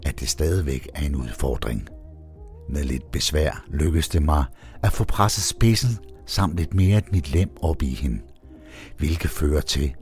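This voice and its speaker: A man narrating a first-person story in a steady, expressive storytelling manner. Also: extremely low pitch. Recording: faint background music.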